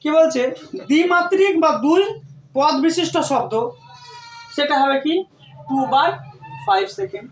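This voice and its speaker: A woman's voice: sits high, normal speed, long pauses. A woman tutor teaching a classroom lesson, explaining step by step and often asking her students questions. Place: tuition classroom. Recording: echoey room, distant mic, faint noise.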